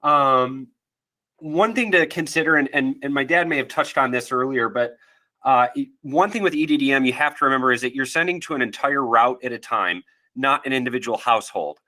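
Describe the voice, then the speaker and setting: A man's voice: medium pitch, brisk, sharp tone. A man with a stuffy, nasal voice from allergies, presenting a webinar in a casual, friendly way with frequent fillers.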